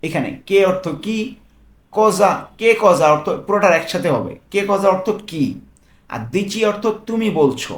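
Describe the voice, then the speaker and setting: A man with a Bangladeshi accent, working as a language tutor. He explains phrases patiently, repeating each one slowly and checking in with "okay?". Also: sits high, very animated. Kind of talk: explaining Italian phrases in Bengali.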